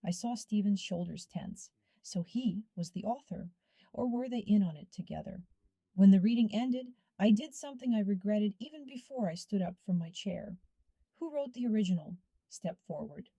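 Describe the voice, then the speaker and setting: A woman narrating a first-person story in a measured, hushed storytelling manner. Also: medium pitch, creaky, husky, dry recording.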